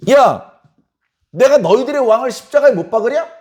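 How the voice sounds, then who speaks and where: A man's voice: on the high side, moderate pace, mellow, natural voice. A man voicing a mocking Roman governor who taunts the crowd, in a sneering tone. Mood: taunting.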